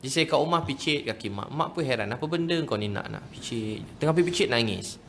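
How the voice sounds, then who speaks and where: A man's voice: mid-range voice, expressive, fast talker, fairly bright tone, a little hiss or hum. A man with a Malaysian Malay accent preaching a storytelling sermon, emotional and acting out the voices in his story while speaking straight to his audience. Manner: emotional, acts out quoted voices, addresses audience directly.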